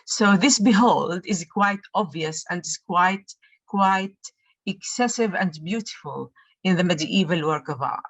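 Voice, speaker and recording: A woman from the audience offers a comment on a video call. Her voice is fairly low and sounds dry and close, and she halts and repeats herself as she goes. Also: dry recording. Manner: halting, repeats words, uh fillers. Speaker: audience member.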